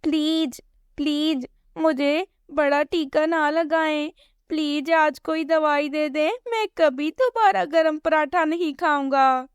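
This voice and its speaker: A woman's voice: high voice, steady tone, slow, no room sound, clean studio sound, voice pushed up. A woman voicing a little cartoon bird boy who has burnt his beak and pleads in a whimper. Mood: pleading.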